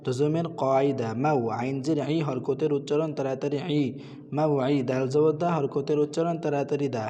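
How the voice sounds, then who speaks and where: A man's voice: a little high, steady tone, brisk, mellow, in a large hall. A man teaching Quran recitation, patiently spelling out letters and vowel marks and repeating each word before reciting it.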